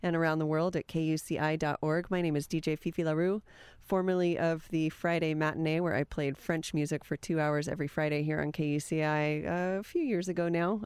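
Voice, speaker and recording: On a college radio music show, a woman hosts from the studio, chatting between songs in an easygoing, meandering way and getting enthusiastic about old records. It's casual back-announcing and chat. Her voice is deep with a darkish, clean tone, and there's no echo.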